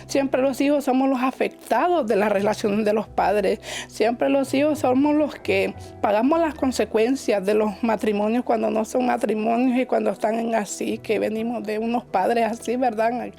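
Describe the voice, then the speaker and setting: A woman from Honduras, giving a personal testimony in church in an emotional, halting way, often repeating her words. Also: fairly high pitch, creaky, warm tone, soft background music.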